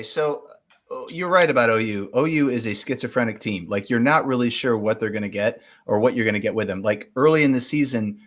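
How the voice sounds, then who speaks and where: A man co-hosting a casual sports talk show, making emphatic predictions. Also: mid-range voice. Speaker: co-host called Coach.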